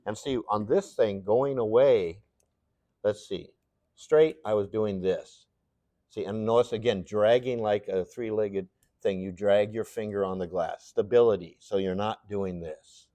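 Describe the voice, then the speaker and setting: A man's voice: fairly low pitch, darkish tone, no room sound. Man, glass-cutting instructor, folksy and rambling, thinking aloud, dry close sound, studio workshop. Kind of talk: live hands-on demonstration.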